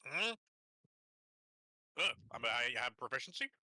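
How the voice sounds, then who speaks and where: A man playing a tabletop game, making quick offhand remarks. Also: medium pitch, very animated, pushed and bright, dry recording, clean studio sound. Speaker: player. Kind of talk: casual tabletop game chat.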